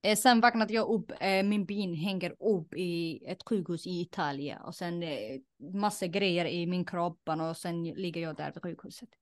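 Somali-born woman, halting, close and dry. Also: on the low side, dry recording. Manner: plain, halting retelling with many fillers and reenacted quotes. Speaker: guest. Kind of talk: personal testimony interview.

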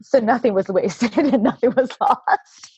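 A woman telling a long personal story in a casual interview, animated, laughing often and acting out what people said. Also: fairly high pitch, unhurried, breathy edge. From Alaska. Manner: animated, laughing, acts out quotes. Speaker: guest. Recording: dull, slightly lo-fi, dry sound.

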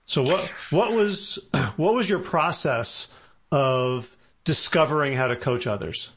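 A man hosting a podcast, asking friendly questions of a longtime buddy in a relaxed, joking way. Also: medium pitch, slow pace. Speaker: podcast host. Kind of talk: conversational interview.

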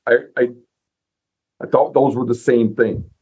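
A man's voice: medium pitch, fairly even intonation, a little slow, a little mellow, slightly rough. A man hosting a casual interview in a folksy, self-deprecating way, thinking aloud as he asks his questions. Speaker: podcast host.

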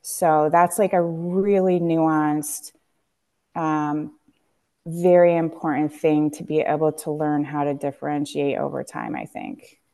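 A woman with a deep, low voice talks candidly on a podcast. She reflects as she speaks, pausing on fillers and restarting her sentences. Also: fairly even intonation, dark tone. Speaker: guest, tea company founder.

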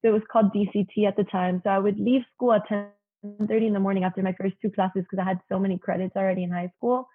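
A tinny, phone-like line carries a young-sounding woman in her early twenties who talks fast as a casual interview guest, filling her speech with "you know." Her husky voice is medium-pitched with little pitch movement, and soft music plays in the background.

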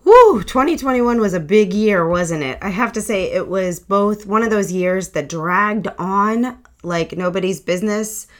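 A woman's voice: lowish voice, fairly bright tone. A woman hosting her own podcast in a chatty, upbeat way, sounding nasal from a cold. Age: adult author. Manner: chatty, upbeat, with frequent ums. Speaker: podcast host. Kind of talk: casual solo podcast.

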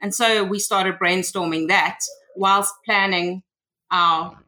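A South African woman, a tech consultant, guests on a podcast and tells her story chattily, hesitating with frequent ums. Her medium-pitched voice is bright and forceful, steady and slow, on a rough recording.

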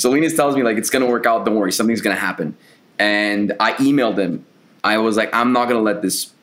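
A man, a podcast co-host, telling a personal story in a rambling, profane, emotional way. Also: fairly low pitch. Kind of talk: casual storytelling. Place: Montreal.

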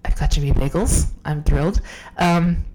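A sick woman who is losing her voice hosts her podcast from a downstairs room at home, rambling off the cuff in a self-deprecating way. Her voice is low and dark-toned at a moderate pace, and the phone recording is low quality.

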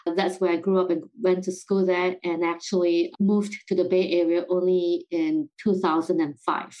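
A middle-aged Singaporean company founder, her accent Singaporean English with some British, speaks as a podcast guest in a lowish, a little mellow voice at normal speed with a level tone. She's thoughtful and self-reflective, laughing lightly, and the recording is rough.

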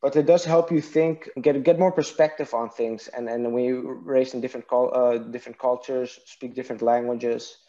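Mellow-voiced man from Iraq. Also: mid-range voice, fairly even intonation, moderate pace, hardly any pauses, highs cut off. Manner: thoughtful, hesitant, many restarts and fillers. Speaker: guest, partnerships and marketing executive. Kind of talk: casual interview answers.

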